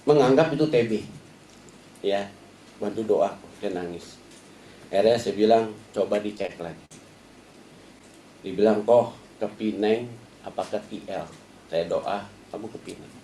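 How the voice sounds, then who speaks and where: A man's voice: fairly low pitch, mellow, reverberant, slight background noise. A male pastor preaching a Sunday sermon in a conversational way, often addressing the congregation directly. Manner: conversational preaching, many filler "ya" and "saudara". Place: church service.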